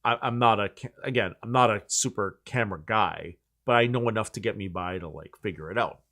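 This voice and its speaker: A man's voice: on the low side, brisk, sharp tone. A man in his forties, the channel host, chatting casually in a rambling way with many likes and restarts. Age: 40s. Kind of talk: casual chat.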